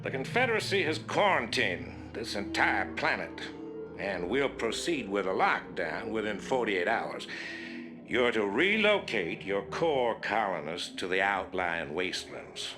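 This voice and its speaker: An actor playing a pompous, commanding general, delivering a transmission in a video game. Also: male voice, on the low side, big pitch swings, unhurried, over music. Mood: commanding, stern.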